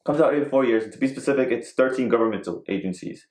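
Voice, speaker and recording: A man's voice: mid-range voice, quick pace, a little mellow. A man co-hosting a casual chat show, rambling with lots of fillers and the odd joke. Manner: rambling, filler-heavy, joking. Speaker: podcast co-host. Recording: echoey room.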